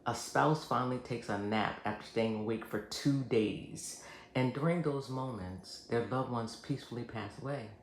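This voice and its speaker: A hospice nurse who hosts his own channel narrates scripted educational content to camera in a mid-range, creaky, gravelly voice. He sounds measured, earnest and reassuring. The room is roomy and echoing, with faint noise behind him.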